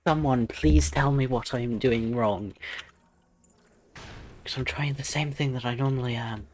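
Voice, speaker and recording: A man's voice: mid-range voice, unhurried, a little mellow, a little hiss or hum. A man streaming a game, muttering to himself in frustration as he plays. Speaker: gaming streamer. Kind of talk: casual live-stream commentary while playing.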